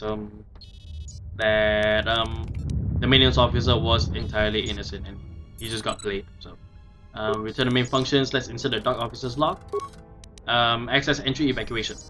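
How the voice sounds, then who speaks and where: A man giving casual game commentary, thinking aloud in a hesitant, halting way. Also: medium pitch. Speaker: let's play commentator.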